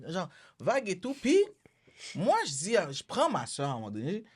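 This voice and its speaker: A man's voice: high-pitched, wildly swooping pitch, moderate pace, breathy edge. A young man with a Quebec French accent telling a story in casual podcast chat, mixing in English slang and acting out quotes. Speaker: podcast host.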